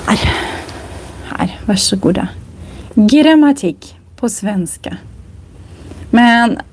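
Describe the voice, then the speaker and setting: A woman teaching a casual language lesson in a library, browsing books and speaking slowly and clearly for learners. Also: mid-range voice, warm tone, a little hiss or hum. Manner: slow, clear demonstrating speech for learners; chatty, recommends books while browsing. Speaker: Swedish teacher. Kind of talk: casual live lesson on a walk. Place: library, indoors.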